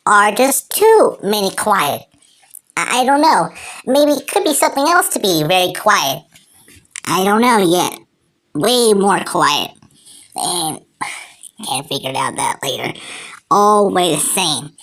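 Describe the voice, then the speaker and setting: An amateur performer voicing a mischievous, excitable cartoon woodpecker, rambling and exclaiming with drawn-out words. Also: medium pitch, full character voice. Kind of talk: amateur cartoon character impression.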